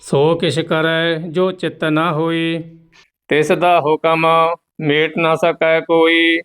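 A man teaching scripture recitation, reading verse line by line at an even pace and stopping now and then to explain where to pause. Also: fairly high pitch, smooth, poor audio. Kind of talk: slow measured scripture recitation with pronunciation notes.

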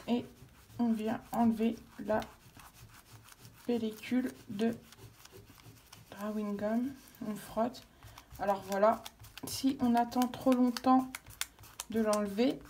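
At home, with her daughter nearby, a craft tutorial vlogger gives a casual demonstration of a craft technique as she works. She has a medium-pitched, dark voice, hesitates frequently with fillers and restarts, and the recording carries a little hiss or hum.

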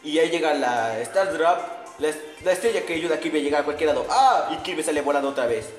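A man's voice: fairly high pitch, expressive, quick pace. A young man narrating a video game in a crude, slangy, mocking comic style. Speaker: parody narrator. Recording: echoey room with long reverb, faint music. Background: faint music.

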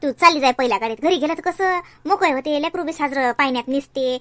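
Brief: fast-talking woman with a bright, sharp voice in a village comedy sketch. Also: sits high. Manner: chatty, fussing village banter.

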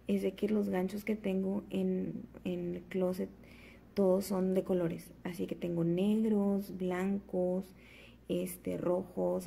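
A woman's voice: mid-range voice, creaky, mellow, slight background noise. A young woman vlogging casually at home, rambling and chatty with lots of fillers, just out of bed. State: just woke up, fasting. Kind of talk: casual chat to camera.

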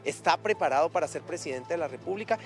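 A man's voice: fairly high pitch, expressive, fast, faint music behind. A man giving pointed political commentary in an interview. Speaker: political analyst.

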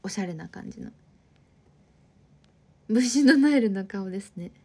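Gravelly Osaka-accented young woman chatting. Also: mid-range voice, lively intonation, brisk, warm tone. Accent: Osaka dialect. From Osaka, Japan. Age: 20s. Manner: chatty, friendly, answers comments directly. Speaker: livestream host. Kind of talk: casual chat reading viewer comments.

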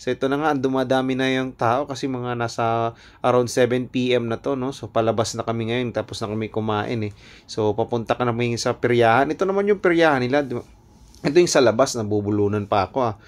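A man narrating a casual vlog from an outdoor night carnival, filmed on a phone. He keeps up a playful, self-mocking patter and breaks into laughter often, in a voice of ordinary pitch. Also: fairly quick. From Philippines. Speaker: vlogger.

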